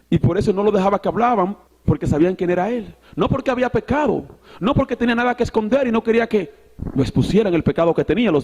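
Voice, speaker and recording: A man with a high voice preaches a sermon. He reads the scripture out loud, repeats words and corrects himself, and drops an occasional "so" between his Spanish sentences. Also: dull audio. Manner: preaching with repetitions and self-corrections, reading scripture aloud. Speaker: pastor.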